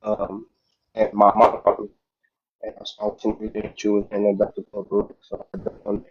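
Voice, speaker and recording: A man calling in on a glitchy phone line that keeps breaking up, asking questions in a halting, polite way with restarts. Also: on the low side, vocal fry, no room sound. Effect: glitchy, choppy phone line that keeps breaking up. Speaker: caller. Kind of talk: casual call-in question. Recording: muffled, breaking-up phone call.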